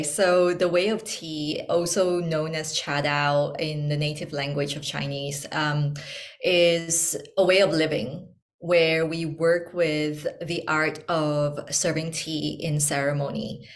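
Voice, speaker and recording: A woman from Malaysia speaking as an interview guest, soft-spoken and reflective, pausing often with ums. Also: low-pitched, flat delivery. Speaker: guest, tea ceremony practitioner. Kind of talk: casual interview conversation.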